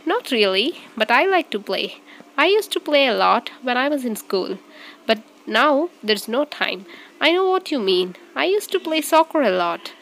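A woman reading both parts of a short scripted English practice dialogue, clearly and evenly. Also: high-pitched, sing-song, moderate pace, a bit bright. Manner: reads both parts of a short dialogue, repeated at varied speeds.

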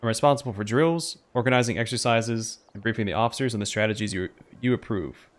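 A man's voice: on the low side, fast talker, lightly acted. A man voicing a dutiful, ambitious army captain with a formal, respectful manner, in game dialogue read aloud.

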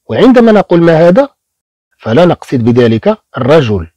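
A man teaches beginner French, breaking words into slow, drawn-out syllables. His voice is mellow and a little husky, with a lively rise and fall. The sound is dry and close. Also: fairly high pitch, no echo, highs cut off.

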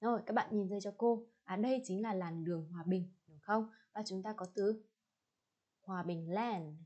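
A young woman teacher with a Vietnamese accent, drilling English numbers and addresses slowly and checking in with her pupils. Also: medium pitch, darkish tone, highs cut off. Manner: slow, clearly spelled-out English words, checks in with the class. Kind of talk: classroom lesson with drills.

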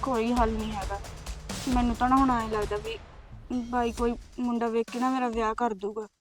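A woman's voice: fairly high pitch, steady tone, fairly quick, over music, lightly acted. An actress playing a frightened young woman who pleads with her sister-in-law, with a Punjabi accent. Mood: worried. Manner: pleading, defensive. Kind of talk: village web-series drama.

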